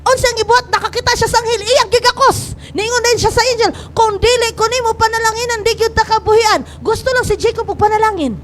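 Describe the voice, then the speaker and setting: A woman pastor preaching a sermon in a mix of Cebuano and English. She swings between excited, high exhortation and low, earnest passages, and she calls on the congregation to repeat key words. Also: fast, few pauses, a little hiss or hum, rough recording. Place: church sanctuary.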